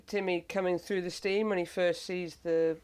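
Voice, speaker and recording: A woman speaking on a panel as a camera operator, animated and breaking off into quick asides. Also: fairly low pitch, clean tone. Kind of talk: panel discussion. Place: event in front of an audience.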